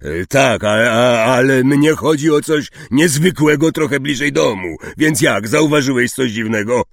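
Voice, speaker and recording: A man playing a big, gruff gamekeeper who talks loudly and impatiently. His voice is pushed up higher than his own and swings widely. The sound is dry and close. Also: sing-song, slow pace, no echo, heavily acted. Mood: blustery. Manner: loud, blustery, impatient.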